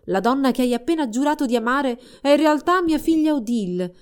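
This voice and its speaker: A woman voicing a wicked male sorcerer in a storybook reading, shouting and snarling. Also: high voice, expressive, fairly quick, pitched above the performer's own voice. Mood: accusing.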